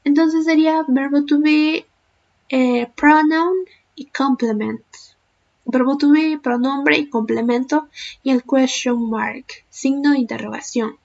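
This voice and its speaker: A woman's voice: sits high, unhurried, creaky, darkish tone. A woman teaching an English grammar lesson, explaining patiently and step by step. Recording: dull lo-fi recording.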